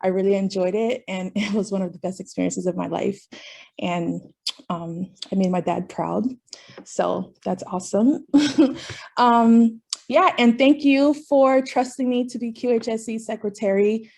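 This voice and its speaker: A woman's voice: medium pitch, measured pace, gravelly, darkish tone. Cheerful young woman on a video call. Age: young adult. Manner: cheerful, giggly with fillers. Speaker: club secretary. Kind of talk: self-introduction on a video call.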